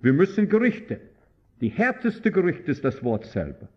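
A man's voice: on the high side, very animated, normal speed. A man preaching a sermon with passion and emphasis, his phrasing clumsy and often ungrammatical. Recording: dull lo-fi recording.

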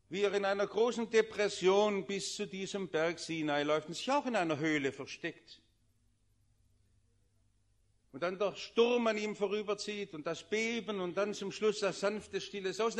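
A man preaching a sermon, earnestly swelling loud on quoted prayers and then dropping low and slow.

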